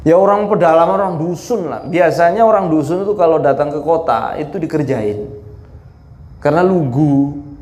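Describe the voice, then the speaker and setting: A man preaching in a relaxed, storytelling way. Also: fairly high pitch, moderate pace, lo-fi sound. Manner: relaxed, chatty, mixes in laughs. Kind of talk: sermon storytelling.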